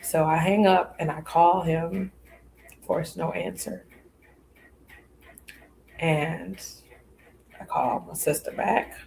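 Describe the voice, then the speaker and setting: A woman hosts a podcast and tells a personal story in a loose, meandering way. Her voice sits a little low, and she keeps acting out both sides of old conversations with plenty of fillers. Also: gravelly, a little mellow, a little hiss or hum. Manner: rambling with fillers and quoted dialogue. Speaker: podcast host.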